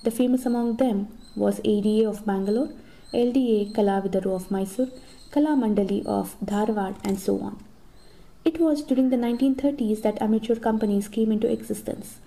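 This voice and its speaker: A woman in her thirties with a Kannada accent reads a scripted, informative lecture in a formal, measured manner. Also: medium pitch, creaky, mellow, low-quality recording. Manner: formal, measured reading from notes. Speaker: presenter.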